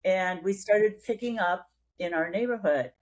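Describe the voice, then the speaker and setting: Retired lady guest telling how her cleanup crew started, chatty, middle pitched. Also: a little slow. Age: older. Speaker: guest, beach cleanup co-founder. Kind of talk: casual podcast chat.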